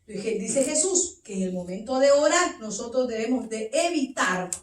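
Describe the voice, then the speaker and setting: A woman's voice: on the high side, lively intonation, unhurried. A woman pastor preaching a fervent sermon, at times crying out with tears in her voice. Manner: fervent, rising to tearful cries. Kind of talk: impassioned sermon. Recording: roomy hall, distant mic.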